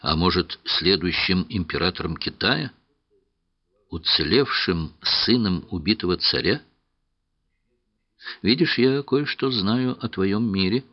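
A man voicing a calm, knowing young woman who speaks softly and sadly in an audiobook. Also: low-pitched, measured pace, long pauses, lo-fi sound. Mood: hushed, earnest. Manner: soft, hushed delivery.

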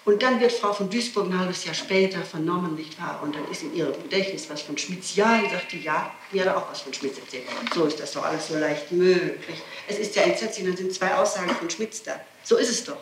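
A woman being interrogated by police presses her statement insistently, going over the same points again and again. She speaks a little fast in a fairly low voice, hardly pausing. The room echoes, and the old tape is noisy and echoey, recorded from a distant mic.

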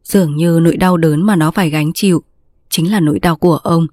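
Low-voiced woman narrating a story. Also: no echo, clean studio sound. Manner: steady, measured storytelling.

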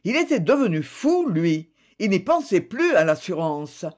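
A reader voicing an excitable, insistent police inspector. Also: medium pitch, measured pace. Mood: triumphant. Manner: exclamatory, insistent, repeats himself. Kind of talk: audiobook character reading.

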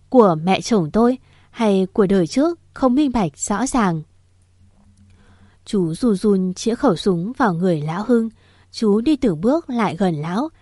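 A woman's voice: medium pitch, dark tone, no room sound, clean studio sound. A woman storyteller reading a dramatic first-person story with emotional, tearful delivery.

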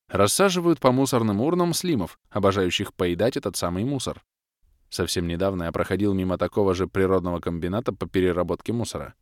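A man narrating a first-person audiobook in a lively, expressive reading. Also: on the low side, no room sound, studio quality.

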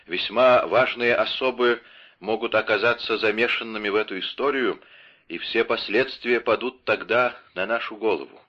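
A man reading the part of a bold, quick young guardsman in an audiobook, speaking with earnest urgency. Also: on the low side, sharp tone, pitched above the performer's own voice. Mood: grave. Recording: dull lo-fi audio.

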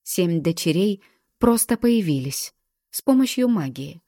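A woman narrating a first-person fantasy audiobook with expressive storytelling. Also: lowish voice, unhurried, no echo, clean studio sound.

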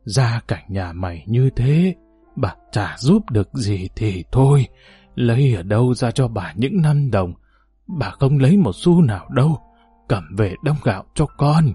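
A man reading as a frail old grandmother in a storybook, slow and weak but stubborn. Her mellow, dry voice still swings up and down, with faint music behind. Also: mid-range voice, animated, breathy edge, no echo. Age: older. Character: frail bedridden old woman, proud and stubborn.

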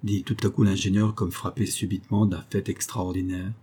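A man reading an adventure novel aloud as narrator, steady and unhurried. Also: sits low, husky. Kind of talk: audiobook narration.

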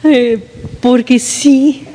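A woman's voice: high-pitched, steady tone, extremely slow, dark tone. Woman preaching in a reverberant hall. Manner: candid and self-mocking, checks in with listeners. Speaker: speaker at a women's church gathering. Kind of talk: informal sermon talk.

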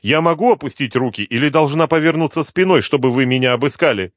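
A man's voice: fairly high pitch, fast talker, no echo, studio quality, pitched above the performer's own voice, close to an everyday voice. A man voicing a polite, formal young countess in an audiobook.

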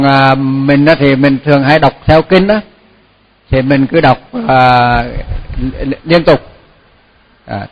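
A man teaching a Buddhist chant, repeating each syllable slowly and then explaining the pronunciation in casual talk. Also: fairly high pitch. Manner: slow, repeats syllables for pupils to echo. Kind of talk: chanting lesson.

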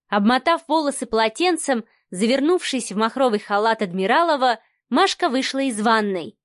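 Woman narrating a book, kinda high voice, dry close sound, steady reading. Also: no echo. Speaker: audiobook narrator. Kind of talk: scripted narration.

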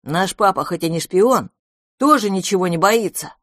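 A woman voicing a cheeky young boy in a storybook reading, teasing in a quick patter. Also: medium pitch, lively intonation, a bit bright, dry recording, clean studio sound.

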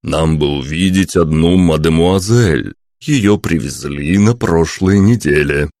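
A man voicing a cool-headed adult detective who speaks calmly and with smooth politeness. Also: sits low, unhurried, no echo, studio quality. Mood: polite. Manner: calm, polite.

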